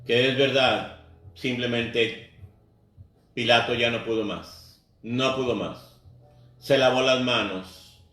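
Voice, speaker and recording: A man's voice: fairly low pitch, a bit bright. A man preaching a sermon, earnestly repeating phrases and speaking directly to the congregation. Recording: very echoey, voice far from the mic.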